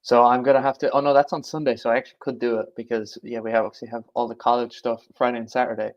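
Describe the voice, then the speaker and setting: A man's voice: mid-range voice, level tone, rapid-fire, highs cut off. A young man from Galway with a west of Ireland accent, chatting casually and in a rambling way as a podcast guest. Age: young adult. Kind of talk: casual chat.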